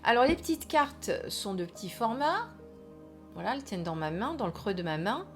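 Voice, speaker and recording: A woman's voice: a little high, sing-song, normal speed, faint music behind. A woman chatting casually as she reviews a small tarot deck, reading bits aloud and joking now and then. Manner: chatty, playful, reads aloud from the box.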